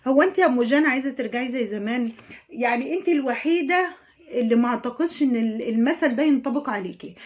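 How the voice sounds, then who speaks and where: امرأة بلهجة مصرية تعلّق بسخرية وتوبّخ بحدّة في فيديو تعليق. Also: female voice, high voice, quick pace, dull audio. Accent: Egyptian. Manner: mocking, scolding, indignant. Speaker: YouTube commentator. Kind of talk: sarcastic reaction commentary.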